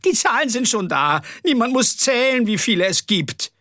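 A man's voice: very high voice, sing-song, normal speed, bright, forceful tone, no echo, clean studio sound, pitched above the performer's own voice, heavily acted. A man voicing a spiteful, bossy headmistress in an audiobook, shrieking and indignant. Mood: scornful. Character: shrill spiteful headmistress, older woman. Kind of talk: audiobook character voice.

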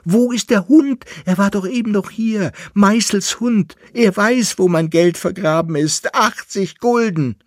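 A man reading an audiobook, voicing a pious condemned man who prays in a low, solemn voice and then cries out shrill and loud. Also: a little slow, hardly any pauses, dry recording, studio quality. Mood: frantic wailing.

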